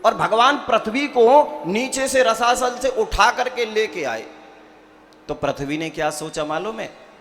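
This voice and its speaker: A man's voice: sits high, a little slow, a bit bright. A man giving a devotional sermon as a preacher. He explains with rhetorical questions and breaks into chanted verses. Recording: long hall reverb with faint music.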